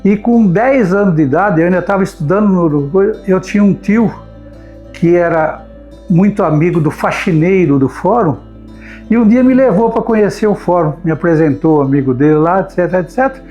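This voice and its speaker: An older Brazilian man in his seventies talks through his memories in an interview, circling back and repeating words as he searches for the next one. His voice sits fairly high for a man, and soft music plays faintly behind him. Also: animated, normal speed, highs cut off. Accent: Brazilian Portuguese. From Brazil, São Paulo state. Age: 70s. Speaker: notary interviewee. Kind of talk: oral history interview.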